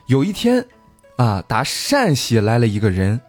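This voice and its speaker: Faint music plays behind a man whose mid-range voice moves at an unhurried pace. Hosting a podcast, he jokes playfully with his co-hosts while telling a ghost story in a lively, casual way.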